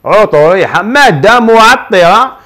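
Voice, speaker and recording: A man with an Algerian Arabic accent and a notably high voice gives religious advice on television. He works through viewers' questions as a sheikh. His delivery is preachy and full of rhetorical questions. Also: expressive, moderate pace, a bit bright.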